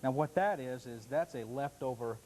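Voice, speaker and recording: A man's voice: mid-range voice, normal speed, dark tone. A man demonstrating products on a home shopping show, selling in a folksy, joking patter. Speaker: guest product vendor and demonstrator. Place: TV studio demonstration set.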